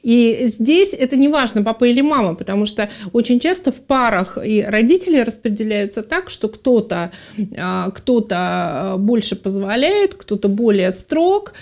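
A woman's voice: fairly high pitch, creaky, darkish tone. A woman speaking as an expert guest on a live radio talk show in a studio, thoughtful and hesitant with many filler sounds.

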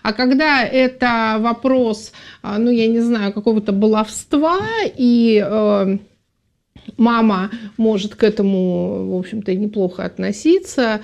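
A woman's voice: fairly high pitch, fairly even intonation, a little slow, vocal fry, darkish tone. A woman speaking as an expert guest on a live radio talk show in a studio, thoughtful and hesitant with many filler sounds.

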